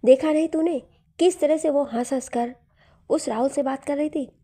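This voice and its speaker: A woman's voice: high voice, moderate pace, dark tone, close to an everyday voice. A woman voicing a jealous, hot-tempered young man in a storybook reading. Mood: angry. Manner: angry, heated.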